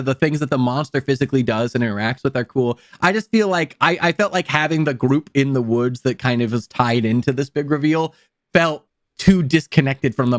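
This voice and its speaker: A man's voice: on the high side, no room sound, clean studio sound. A man co-hosting a casual movie podcast, thinking aloud in a laid-back way with some hesitations.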